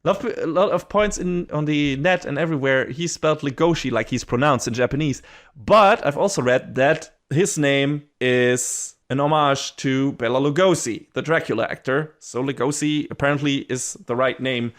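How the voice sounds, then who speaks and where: A man co-hosting a podcast, talking in a loose, rambling way with frequent swearing and laughs. His voice sits in an ordinary middle pitch. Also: normal speed. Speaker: podcast co-host. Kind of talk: casual podcast chat.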